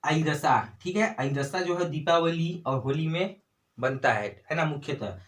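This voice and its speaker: A man's voice on the high side, a bit bright and a little slow, carries this exam-prep lesson in Chhattisgarhi-accented Hindi. The tutor answers his own questions and repeatedly tags lines with "ठीक है" and "है ना".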